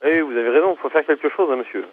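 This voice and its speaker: A man answering the phone at an animal pound, brisk and helpful. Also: a little high. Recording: tinny phone line.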